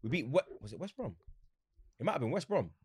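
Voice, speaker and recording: A man speaks in a London roadman accent, thick with street slang. He tells anecdotes in a casual, animated way, acting out both sides of exchanges. His pitch is average and the sound is very dry. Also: quick pace, husky, no room sound. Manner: animated storytelling, acts out quoted exchanges. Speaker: interview guest, football fan.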